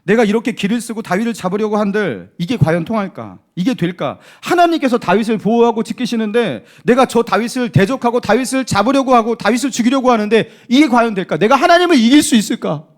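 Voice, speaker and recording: A desperate king, full of fear , as a preacher puts him on. He asks himself anxious questions in a high, restless voice. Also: animated, fast talker, hardly any pauses. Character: desperate, fearful aging king.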